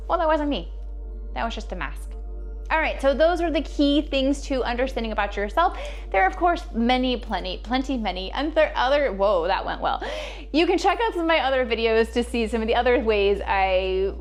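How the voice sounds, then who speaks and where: A woman's voice: fairly high pitch, animated, a little fast, soft background music. Chatty playful woman talking to camera. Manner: chatty, playful, rambling with restarts. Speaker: self-growth video host. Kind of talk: casual chat to camera.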